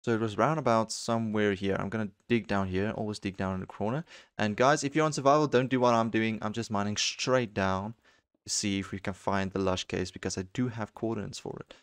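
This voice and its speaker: A young man giving excitable let's-play commentary on a video game, jumping into high squeals when something thrills him. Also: fairly quick, clear, resonant tone, no echo, clean studio sound. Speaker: gaming channel host.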